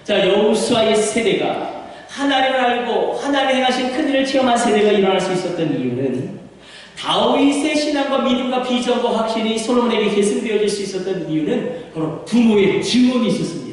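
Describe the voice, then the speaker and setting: A male pastor preaching a sermon with passion, moving from hushed lines to shouted exhortations. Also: sits high, lively intonation, moderate pace. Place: church sanctuary. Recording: echoey church hall, distant mic.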